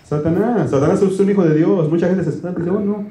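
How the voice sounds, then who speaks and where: Pastor preaching, kinda high voice but mellow, chatty and folksy, keeps asking the crowd questions. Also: male voice, fast talker, reverberant. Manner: folksy, quizzes the congregation with questions. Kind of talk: conversational sermon.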